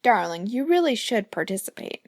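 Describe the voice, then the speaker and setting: A woman voicing a wry, elegant queen and stepmother in an audiobook, dry and gently teasing. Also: medium pitch, very animated, moderate pace.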